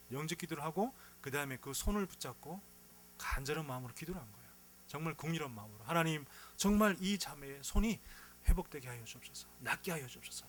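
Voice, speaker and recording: A man's voice: fairly high pitch, slight background noise. A male pastor preaching a sermon, telling stories with feeling and asking the congregation rhetorical questions. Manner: animated storytelling with rhetorical questions.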